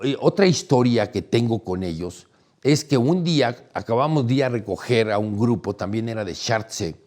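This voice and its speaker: Middle-aged man telling stories. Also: mid-range voice. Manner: animated, acts out quoted voices, laughs while telling. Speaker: host, storyteller. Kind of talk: casual anecdotal storytelling.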